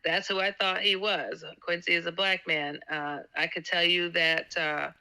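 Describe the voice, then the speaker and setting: Woman, guest storyteller, very bright tense tone, stammering repeats, acted-out quotes. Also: fairly low pitch, flat delivery, a little slow, smooth, low-quality recording. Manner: laughs often between sentences. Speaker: guest author. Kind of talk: casual storytelling interview.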